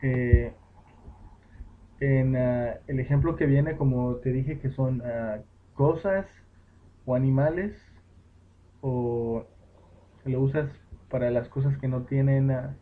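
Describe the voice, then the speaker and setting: A man's voice: medium pitch, fairly even intonation, takes it slowly, pauses often. A man patiently explaining grammar as a teacher, with fillers and self-corrections. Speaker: English teacher. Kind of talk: home-made lesson explaining grammar. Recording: tinny phone-like recording with faint noise.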